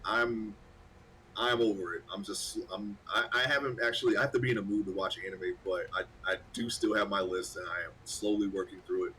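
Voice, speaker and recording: Rambling low-voiced man streaming a game. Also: fairly even intonation, brisk, bright, forceful tone, rough recording. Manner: rambling, repeats himself. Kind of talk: casual chat while gaming. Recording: faint background noise.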